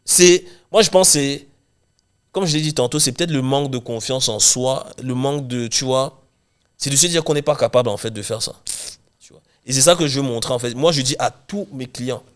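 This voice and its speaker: A young man from Cameroon, a guest chatting casually in an interview, talking in quick run-on restarts. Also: medium pitch, clear, resonant tone. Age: young adult. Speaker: guest, real estate investor and coach.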